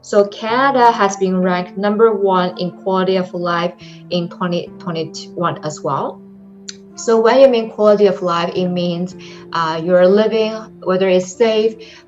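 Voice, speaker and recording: With a voice on the low side, a young Chinese woman presents online for a study-abroad program in careful, accented English full of ums. The audio sounds dull.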